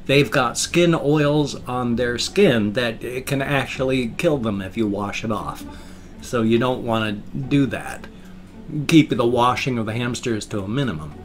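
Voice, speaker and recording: A man's voice: medium pitch, measured pace, soft background music. A man chatting casually and ramblingly to a webcam at home, slightly slurring his words around loose, ill-fitting dentures. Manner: rambling, repeats and rephrases himself. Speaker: vlogger showing pet hamsters. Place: indoors, a room at home. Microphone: webcam setup.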